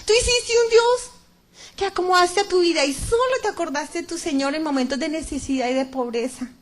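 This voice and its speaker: A woman voicing a gentle divine voice that firmly and solemnly reproaches her. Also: very high-pitched, fairly quick.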